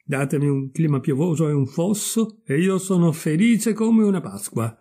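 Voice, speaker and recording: A man voicing a chatty, boastful female frog in a storybook reading, talking on cheerfully without a pause. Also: fairly high pitch, animated, mellow, husky, voice pushed up. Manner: talkative, cheerful, self-satisfied.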